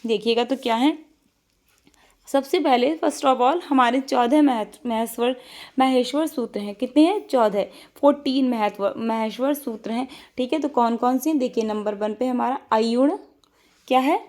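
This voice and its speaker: A woman's voice: fairly high pitch, normal speed, a little mellow. A woman teacher giving an online exam-prep lesson, drilling her students by asking a question and answering it herself, repeating each item.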